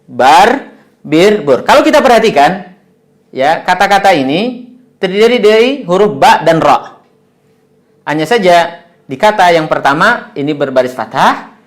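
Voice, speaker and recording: A man with an Indonesian accent gives an Arabic lesson, his slightly high voice rising and falling in wide, animated swings. He drops frequent "ya" fillers as he models Arabic sounds for his viewers. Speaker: Arabic teacher.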